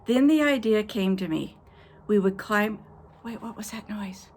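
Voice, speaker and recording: Over slight background noise, a woman pastor with a mid-range voice reads an adventure story to children. She tells it expressively, performing the characters' quoted lines and pausing to talk with her young audience.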